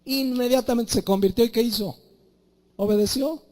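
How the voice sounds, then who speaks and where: A man's voice: very high voice, normal speed, a little mellow. A man with a Mexican accent preaching a sermon in a conversational way, asking rhetorical questions and acting out short dialogues. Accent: Mexican Spanish. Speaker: pastor.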